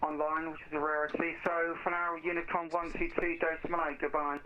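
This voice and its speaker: A man's voice: on the high side, flat delivery. A man working as an online air traffic controller, speaking in clipped radio phraseology through an online radio voice channel. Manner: clipped, measured controller delivery. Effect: heard through an online radio voice channel. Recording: lo-fi, noisy radio voice link.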